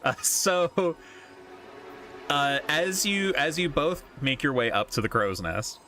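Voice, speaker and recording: Dungeon master, male, bright and animated, relaxed laughing narration over faint music. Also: on the high side, slow pace. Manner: laughing, loose narration with fillers. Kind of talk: narrating a tabletop game.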